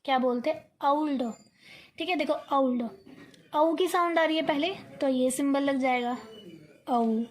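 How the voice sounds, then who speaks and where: A woman's voice: high-pitched, moderate pace. A young woman teaching an online lesson, coaxing her students, repeating words aloud to drill the sounds and checking in often. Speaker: English teacher.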